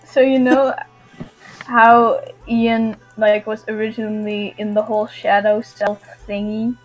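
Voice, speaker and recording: A woman chatting casually on a stream, halting and giggly, losing her words. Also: a little high, little pitch movement, soft background music, low-quality recording.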